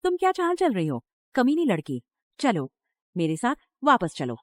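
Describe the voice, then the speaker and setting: Cast a cruel middle-aged village mother-in-law, harsh and threatening, lively pitch. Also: moderate pace, no echo, clean studio sound. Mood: menacing. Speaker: dubbing actor. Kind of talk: Hindi drama dub.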